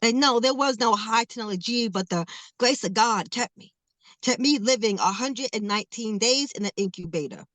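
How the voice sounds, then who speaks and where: A woman around forty appears as a guest, performing a spoken word poem with rhythmic, emphatic delivery and laughs between phrases, then chatting casually with more laughter. Her voice is fairly high and bright at a moderate pace with no echo, and though she says she stutters, it isn't heard.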